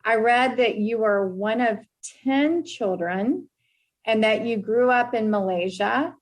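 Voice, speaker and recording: A woman's voice: fairly high pitch, slow. Woman podcast host with a Tennessee accent. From Tennessee, United States. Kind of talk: scripted introduction and interview questions.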